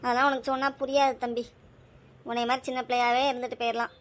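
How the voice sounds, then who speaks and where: High-voiced mother in casual family chat. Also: level tone. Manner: brisk, scolding yet caring.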